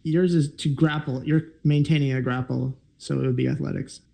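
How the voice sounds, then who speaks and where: A man running a tabletop game as game master, relaxed and rambling, with many fillers. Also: mid-range voice, moderate pace, creaky.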